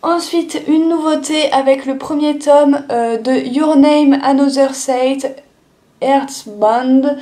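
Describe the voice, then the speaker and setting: A woman's voice: high-pitched, dark tone. A young woman showing her monthly manga purchases in a casual haul video, chatting with frequent fillers and restarts. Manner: chatty, lots of "euh" and "du coup" fillers.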